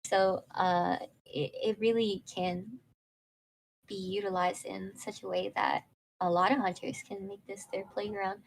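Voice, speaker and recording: A woman co-casting a live esports match, announcing picks and bans and asking her partner questions in a relaxed way. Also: mid-range voice, unhurried, creaky, a little hiss or hum, poor audio. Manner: easygoing, moderates and asks co-caster questions. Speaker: esports caster. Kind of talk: live tournament commentary.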